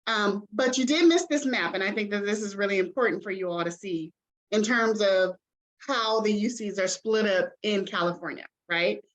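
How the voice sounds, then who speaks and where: A woman's voice: medium pitch, moderate pace, low-quality recording. A woman admissions representative giving an online information session over a video call, chatty and encouraging, with many ums and okays.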